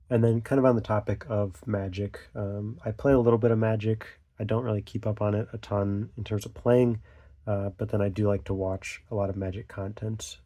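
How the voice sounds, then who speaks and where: A young man with a lowish, warm voice hosts his own casual, unscripted vlog channel. He sounds a bit stuffy from a cold and speaks hesitantly, full of fillers and unfinished thoughts.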